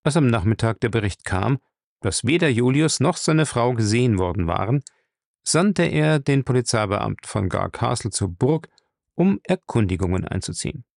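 Gravelly male audiobook narrator. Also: mid-range voice, no echo, clean studio sound. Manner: steady, measured storytelling. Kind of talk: audiobook reading.

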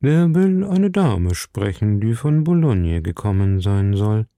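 A formal, polite convent abbess, as a male audiobook reader voices her, courteous and plain in delivery. The voice is dark and mellow, with lively movement in pitch. The sound is dry and close. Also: slow pace, dry recording, full character voice. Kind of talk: audiobook reading.

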